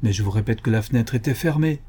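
A man's voice: medium pitch, quick pace, dark tone, husky, close to an everyday voice. A man voicing an irritable, impatient aristocratic count in an audiobook, sneering at a guest's theory. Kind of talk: audiobook character reading.

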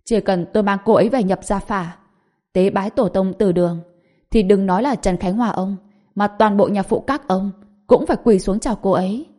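A woman's voice: medium pitch, moderate pace, warm tone, natural voice. A woman voicing a young male heir of a rich clan, cold, curt and threatening, in a spoken story.

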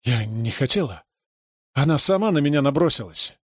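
A man reading aloud and voicing a cold, calculating female spy, in low, muttered thoughts. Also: lively intonation, moderate pace, no room sound, studio quality, natural voice.

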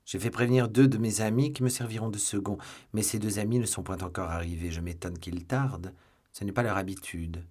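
Brief: man reading noble wounded musketeer, low and subdued, husky, unhurried. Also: steady tone, darkish tone, natural voice. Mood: calm, grave. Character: dignified wounded older male musketeer.

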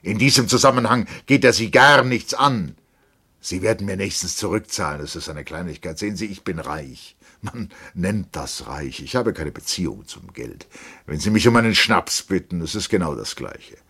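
A man's voice: low voice, expressive, normal speed, sharp tone, breathy edge, full character voice. A man voicing a wealthy aristocratic landowner with an offhand, impatient manner. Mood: dismissive. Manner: offhand, dismissive.

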